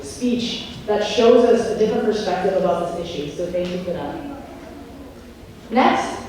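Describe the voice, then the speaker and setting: A woman's voice: medium pitch, dark tone. A woman hosting a live event, speaking as its presenter between contestants. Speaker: event host. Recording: very echoey hall, distant, background noise.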